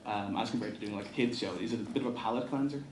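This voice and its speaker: A man's voice: lowish voice, racing. A man moderating a convention panel who asks rambling questions full of fillers. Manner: hesitant, lots of fillers. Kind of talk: interview questions. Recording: echoey hall, faint noise.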